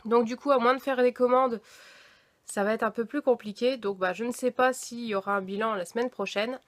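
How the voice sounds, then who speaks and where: A young woman casually showing her new books to the camera, chatty and hesitant, often pausing on fillers. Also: on the high side, fairly even intonation. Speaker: book vlogger. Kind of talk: casual book haul vlog.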